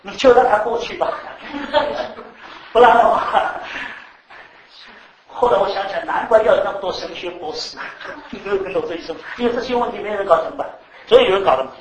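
Male preacher, high voice, lively and repetitive, quizzing the room; off-mic in an echoey hall. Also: fairly quick, recorded from a distance. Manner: animated, repeats words, laughs, asks the audience questions. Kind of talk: sermon. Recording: echoey room, speaker off-mic, faint background noise.

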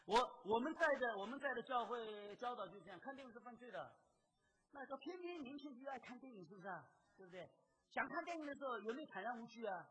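Husky, forceful preacher full of questions. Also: mid-range voice, lively intonation, quick pace, low-quality recording. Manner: emphatic, full of rhetorical questions; swings between loud exclamations and quiet asides. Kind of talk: sermon.

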